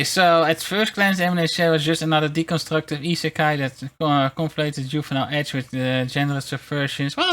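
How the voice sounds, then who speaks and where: A streamer of unclear sex chatting casually in a hesitant, rambling way and reading bits aloud, with a mid-pitched voice. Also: fairly bright tone. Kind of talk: casual livestream chat, reading articles aloud. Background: background music.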